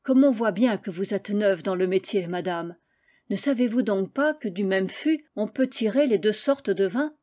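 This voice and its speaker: A woman reading the lines of a smooth-talking, courteous male swindler in a storybook. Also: high-pitched, moderate pace, a little mellow, close to an everyday voice. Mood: smug. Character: gallant swindling male customer.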